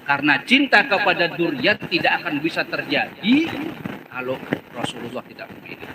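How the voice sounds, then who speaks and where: A man's voice: fairly high pitch, big pitch swings, normal speed, heavy background noise. A man with a Banjar Indonesian accent preaching at a religious gathering, telling stories with jokes and often laughing as he acts out the voices. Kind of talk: humorous sermon storytelling. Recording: crowd heard at a live gathering.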